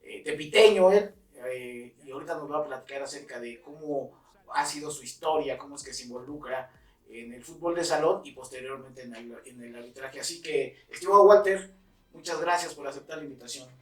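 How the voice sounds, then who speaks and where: A man's voice: medium pitch, brisk, echoey room, far from the mic, poor audio. A man from Mexico hosting an interview, asking friendly conversational questions. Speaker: host, interviewer. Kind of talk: casual interview.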